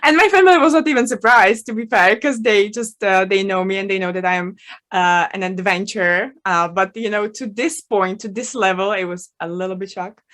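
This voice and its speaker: A woman from the in her thirties, a guest telling her own story in an interview, frank and animated, with many fillers. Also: medium pitch, fairly quick. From Czech Republic.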